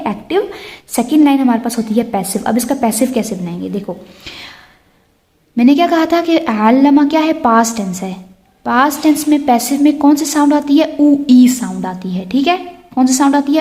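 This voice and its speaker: A woman teacher giving a recorded lesson, asking checking questions often and chanting word patterns slowly and rhythmically, mixing English terms into her explanation. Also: sits high, mellow.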